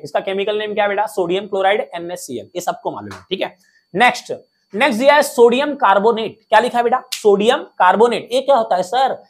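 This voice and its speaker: A man with a high voice teaches a lesson playfully and energetically, quizzing students through call-and-response and cracking jokes. He throws in rhymes and mnemonics along the way.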